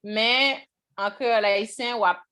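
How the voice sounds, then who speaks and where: Slow-paced woman teaching a class. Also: on the high side, fairly even intonation, bright, forceful tone. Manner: slow, checks in with the class often. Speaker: language teacher. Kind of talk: classroom lesson on pronunciation.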